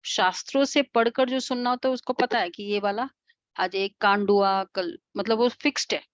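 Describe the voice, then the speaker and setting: A woman's voice: medium pitch, moderate pace, no room sound. Indian woman, spiritual teacher, explanatory lecture voice with questions and hums, dry dull recording. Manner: explanatory, asks the class questions with soft hums. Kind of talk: devotional class lecture.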